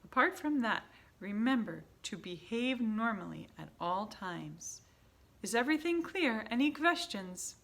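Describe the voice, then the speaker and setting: A woman voicing a cruel, imperious old female witch leader who shouts orders in a raised, strident voice. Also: a little high, very animated, a little slow, gravelly, voice pushed up, full character voice. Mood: commanding. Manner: shouting, commanding.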